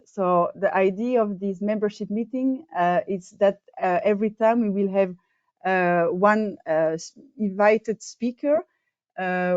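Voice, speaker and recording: A woman's voice: mid-range voice, darkish tone, dry recording. A woman hosting an online meeting, hesitant with many fillers. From Belgium. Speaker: meeting host, co-chair. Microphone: video call. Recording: dull, dry video call audio.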